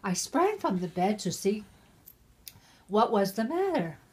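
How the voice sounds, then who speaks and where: With slight background noise behind her, a very drunk middle-aged woman reads a Christmas storybook poem to her family, stumbling over words and tossing in irreverent asides. Her mid-range voice is very animated and a little mellow, at a measured pace.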